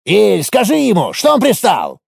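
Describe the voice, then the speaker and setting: A man narrating an audiobook and voicing a cheeky, boastful male dwarf who complains loudly. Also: wildly swooping pitch, normal speed, no room sound, studio quality, exaggerated voice. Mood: indignant. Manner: gravelly, squeaky and complaining. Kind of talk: audiobook character voice.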